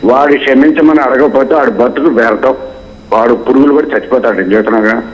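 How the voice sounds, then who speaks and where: A man's voice: medium pitch, fast. A male caller from Guntur on a phone-in show, speaking in a fiery, repetitive, moralizing way. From Guntur, Andhra Pradesh. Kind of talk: phone-in call. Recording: dull phone line.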